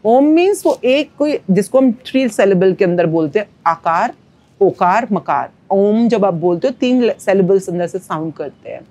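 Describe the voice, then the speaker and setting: A woman's voice: mid-range voice, lively intonation, normal speed, a little mellow. A woman, a manifestation coach, speaking as a podcast guest and explaining ideas in an earnest, teacherly way with everyday analogies. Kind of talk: spiritual podcast conversation.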